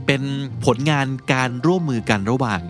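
Lively-voiced male podcast teacher. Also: mid-range voice, soft background music. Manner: chatty, explains with slow read-out example sentences. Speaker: podcast host. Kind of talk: casual English vocabulary lesson.

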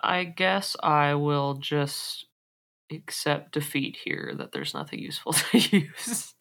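Creaky, very animated woman, slightly low-pitched. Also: slow. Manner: cheeky, joking. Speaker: tabletop game player. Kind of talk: casual playful banter.

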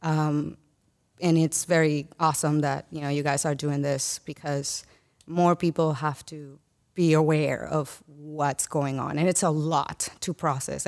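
A woman from the Dominican Republic, a guest on a podcast, talking casually with many fillers and restarts. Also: low-pitched. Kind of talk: casual conversation.

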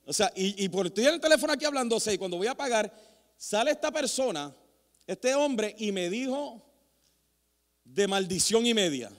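A man preaching as a pastor, telling animated, self-mocking stories with many restarts. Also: high voice, moderate pace. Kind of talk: storytelling sermon. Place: church sanctuary. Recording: long hall reverb in a church.

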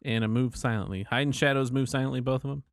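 A man's voice: mid-range voice, fairly even intonation, quick pace, no echo, studio quality. A man taking part as a player in a tabletop game, chatting casually and joking. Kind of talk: casual chat.

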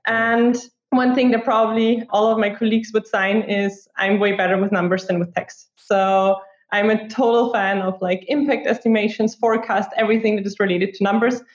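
Appearing as a podcast guest, this app marketer in her twenties speaks informally in a mid-range voice at a moderate pace with fairly even intonation. German is her first language, she has an Austrian accent, and she fills her answers with words like "like." The audio, recorded remotely, is muffled and roomy.

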